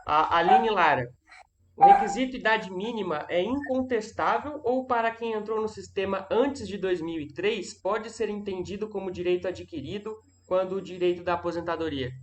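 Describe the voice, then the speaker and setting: A man's voice: high voice, moderate pace, slight background noise. A man moderating a live session, reading out viewer questions and giving brief acknowledgments between them.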